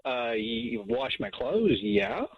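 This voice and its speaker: A man's voice: medium pitch, sing-song, slow, gravelly, a crowd in the background. A man on a phone call, talking hesitantly, with stammers and nervous laughs. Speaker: caller on a radio prank segment. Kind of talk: phone conversation. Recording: dull phone-line audio.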